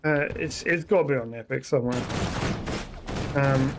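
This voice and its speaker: A man's voice: mid-range voice, moderate pace, slight background noise. A man giving casual, rambling commentary while streaming a shooter game, often correcting himself mid-sentence. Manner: chatty, rambling, self-correcting asides.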